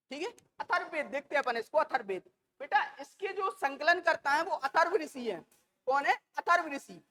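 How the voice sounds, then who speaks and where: A woman teacher lecturing a class, repeating and dictating key terms slowly and addressing the students affectionately. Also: sits high, fairly bright tone, a little hiss or hum. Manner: calls students "beta" and "bachche".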